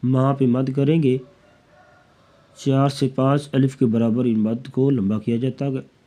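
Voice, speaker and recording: A man teaching Quran recitation rules, chanting verses slowly and melodically and then explaining each rule quickly. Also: medium pitch, flat delivery, warm tone. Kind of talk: tajweed lesson, slow recitation between quick explanations.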